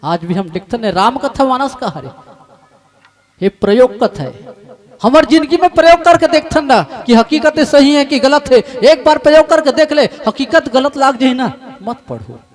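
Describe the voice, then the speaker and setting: High-voiced Chhattisgarhi preacher. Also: male voice, expressive, normal speed. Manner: emotional, rising to impassioned outcries. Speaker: Ramayana preacher. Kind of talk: devotional sermon in story form.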